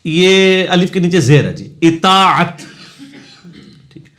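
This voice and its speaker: A man's voice: sits high, very animated. A man with a Punjabi accent, a religious scholar answering questions in a lecture, explaining and correcting word pronunciation with casual asides.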